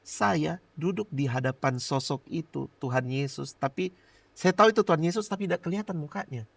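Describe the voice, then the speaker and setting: A middle-aged male pastor giving a lively personal testimony in a podcast interview, laughing often and acting out his own prayers. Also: fairly high pitch, brisk, gravelly, no echo.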